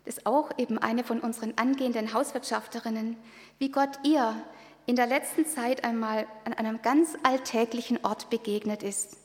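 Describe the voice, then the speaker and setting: A woman presenting in a church service, addressing the congregation in a calm, earnest, explaining way. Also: on the high side, normal speed. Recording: long reverb of a hall.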